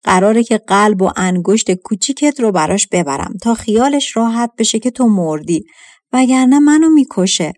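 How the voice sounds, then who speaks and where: A woman's voice: mid-range voice, lively intonation, darkish tone, dry recording, studio quality, natural voice. A woman voicing a loyal, kind old male servant who pleads anxiously in a storybook tale. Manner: frightened, pleading, emphatic.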